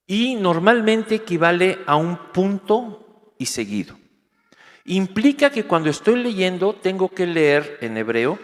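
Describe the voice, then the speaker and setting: A man's voice: high-pitched, a bit bright. A man giving a classroom lecture over slides, explaining step by step and often checking in with his audience. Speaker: course lecturer. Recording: reverberant hall.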